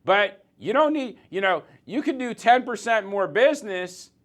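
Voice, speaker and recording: A man's voice: high voice, expressive, normal speed, a bit bright. A man giving an emphatic motivational business talk as a coach, often restarting sentences and repeating points.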